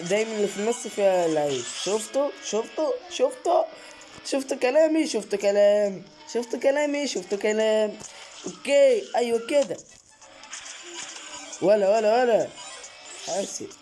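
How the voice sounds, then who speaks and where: A man with an Egyptian Arabic accent giving excitable let's-play commentary, repeating short exclamations and breaking into sudden high yelps. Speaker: gaming channel host.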